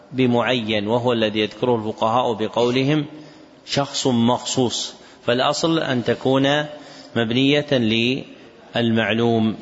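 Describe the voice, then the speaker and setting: A man teaching a lesson, explaining the text in a measured, deliberate way, recorded in an echoey hall with dull lo-fi sound. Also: mid-range voice. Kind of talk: scholarly lesson commentary.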